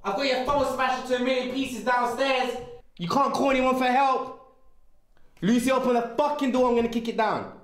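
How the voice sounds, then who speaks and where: A young actor playing a volatile, controlling, jealous boyfriend in a naturalistic short drama. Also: male voice, very high-pitched, fairly even intonation, normal speed. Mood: enraged, threatening. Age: young adult. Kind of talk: naturalistic short-film acting. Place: stairwell and landing of a house. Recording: very echoey, distant, noisy indoor recording.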